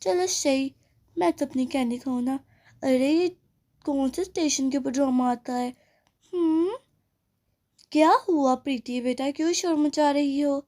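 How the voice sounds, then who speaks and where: A woman's voice: high-pitched, measured pace, long pauses, mellow. A woman doing a strict scolding doll mom. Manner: scolding, bossy. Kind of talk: doll play storytelling.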